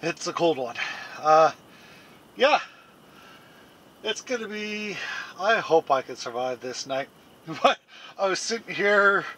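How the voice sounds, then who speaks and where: On a winter camping trip, a Canadian vlogger in his forties speaks slowly and easily to his camera in a fairly high, bright voice, often chuckling and rambling with many fillers. He's close to the lens on a handheld camera outside in the snow, and later inside a small tent the camera is fixed a few feet away.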